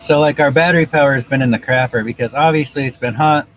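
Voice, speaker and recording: A man's voice: medium pitch, quick pace, fairly bright tone, slight background noise, low-quality recording. A man chatting casually on a live stream from beside his van, rambling and restarting his sentences. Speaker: vlogger co-host. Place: outside by their van.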